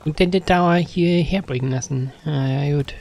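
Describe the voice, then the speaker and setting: A man giving casual gameplay commentary, chatting to game characters with sudden excited outbursts. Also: a little high, moderate pace, creaky. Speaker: gaming let's-player. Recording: faint game music behind.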